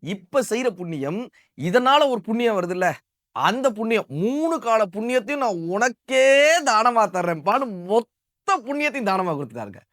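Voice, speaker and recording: A man's voice: big pitch swings, moderate pace, fairly bright tone, no echo, studio quality. A man telling a devotional epic story with colloquial asides, his voice swelling and dropping with emotion. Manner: emotive, swells and drops in pitch and volume; colloquial spoken asides to listeners. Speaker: storyteller and motivational speaker.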